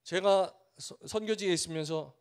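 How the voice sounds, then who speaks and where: A Korean man preaching as a missionary, his voice set high for a man. He speaks earnestly, builds through repeated phrases, and slips into the voices of the villagers in his stories. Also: moderate pace, clean tone. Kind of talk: sermon with storytelling.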